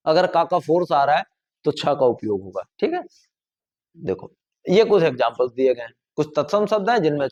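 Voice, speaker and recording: A man with a fairly high voice teaches a spelling lesson, drilling example words aloud and checking that his students follow. The recording sounds a little dull and lo-fi. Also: a little mellow. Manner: explanatory, repeats words aloud with stressed sounds, checks understanding. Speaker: Hindi grammar teacher. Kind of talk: classroom lesson explaining spelling and pronunciation.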